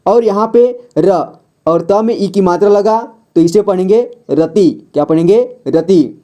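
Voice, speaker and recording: A teacher walks beginners through a reading lesson in voice-over, speaking unhurriedly and sounding out every word. The voice is warm and relaxed. Each word is repeated, and a question to the learner is answered right away. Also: medium pitch, unhurried. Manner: patient, repeats words and checks with "ठीक है"; asks the viewer questions, then answers them.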